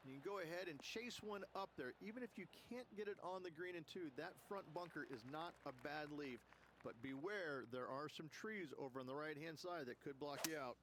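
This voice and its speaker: A male golf analyst talks through hole layouts and players in a chatty, joking way, laughing easily as he goes. His voice sits a little higher than most men's. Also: a little fast, background noise. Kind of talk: sports color commentary.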